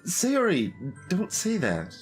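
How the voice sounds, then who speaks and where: This man streams a game he's never played, voicing the narration with big expression and chatting off the cuff. He speaks slowly in a high voice with huge swings in pitch, over background music.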